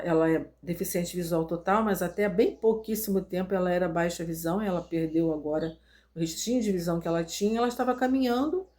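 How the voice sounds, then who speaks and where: A woman's voice: on the high side, darkish tone. Earnest Brazilian woman giving advice. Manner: earnest, emphatic, many fillers and restarts. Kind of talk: casual spoken commentary.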